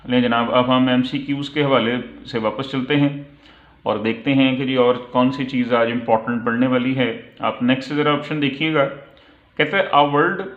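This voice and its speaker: A man gives an online English lesson, patiently explaining multiple-choice questions, reading English phrases slowly and then translating them. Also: medium pitch. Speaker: English teacher. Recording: echoey, tinny phone-like audio.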